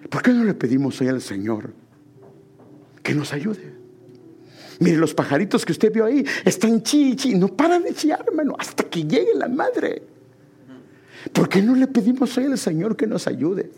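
A man's voice: sits high, sing-song, normal speed, long pauses, darkish tone, husky. A man preaching a sermon, calling his listeners brother and pressing them with repeated questions.

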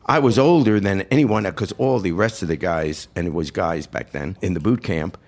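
Older man telling a story, gravelly. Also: sits low, moderate pace. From New York. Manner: animated anecdote with quoted voices. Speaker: host.

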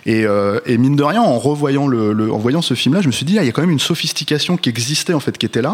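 A man chatting casually about a film, his voice at an ordinary middle pitch. He hesitates often, filling gaps and restarting his sentences as he works toward his point. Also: quick pace, slightly rough. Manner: hesitant, many fillers and restarts. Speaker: film podcast co-host. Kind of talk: casual film review chat.

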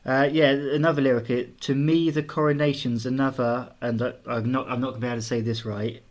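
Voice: mid-range voice, little pitch movement, brisk. A co-host on a casual music podcast who reads lyrics aloud and teases the other host.

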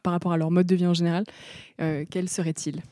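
A woman hosts a podcast and asks her questions in a relaxed, halting way. Her voice is low and mellow. It is recorded close and dry. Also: dry recording. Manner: relaxed, hesitant with fillers when asking. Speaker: podcast host. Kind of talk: casual interview.

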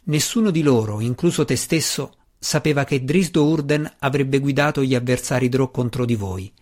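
A man voicing an earnest, wry dark elf warrior, speaking in a pressing, slightly raised voice. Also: medium pitch, moderate pace, natural voice.

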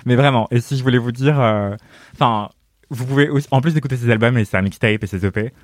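A man chatting on a podcast, gushing and talking fast, with lots of fillers and restarts. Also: medium pitch, no room sound, clean studio sound. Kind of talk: casual podcast chat.

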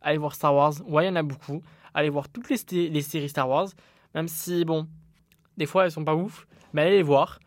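A man's voice: on the high side, steady tone, fairly quick, no echo, studio quality. A young man hosting his own solo podcast, talking candidly and rambling with frequent restarts. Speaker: podcast host.

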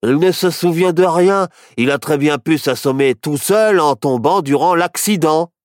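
A man's voice: fairly high pitch, a little slow, no echo, studio quality, pitched above the performer's own voice, close to an everyday voice. A man voicing a level-headed young man who doubts and protests, in a storybook reading. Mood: skeptical. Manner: reasoning, protesting.

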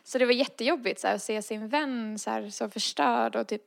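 A woman's voice: on the high side, creaky, dry recording, clean studio sound. A woman casually telling a personal story and acting out the dialogue in it, full of fillers. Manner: acts out quoted dialogue, frequent fillers.

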